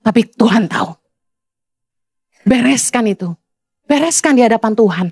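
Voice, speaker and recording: A woman's voice: a little high, animated, moderate pace, a little mellow, breathy edge, dry recording. Woman pastor, middle-aged, dry close sound, blunt scolding preaching. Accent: Indonesian. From Indonesia. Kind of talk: sermon.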